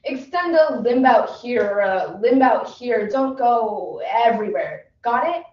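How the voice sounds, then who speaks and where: Brief: impatient casting director, played by a woman, deliberate and dry, dull distant sound. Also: on the high side, expressive. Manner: clipped, dry, quick instructions. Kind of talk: competitive humorous interpretation. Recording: echoey room, distant mic, dull sound.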